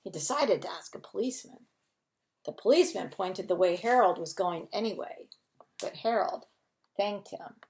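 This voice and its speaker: A woman's voice: medium pitch, animated, normal speed, creaky, darkish tone, slight background noise. A woman reading a children's picture book aloud as a bedtime story, expressively, with chatty asides to young listeners.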